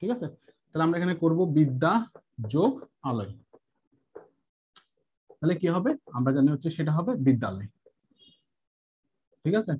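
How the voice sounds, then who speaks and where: A man teaching an exam-prep grammar lesson, patiently repeating each step and slowing down to spell out examples. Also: a little high, big pitch swings, a little mellow, slightly rough. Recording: muffled lo-fi sound.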